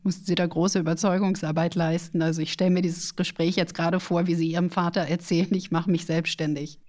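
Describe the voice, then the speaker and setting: Female podcast host. Slightly low voice, poised and articulate. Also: flat delivery, fast talker, darkish tone. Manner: composed, articulate questioning. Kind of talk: conversational interview.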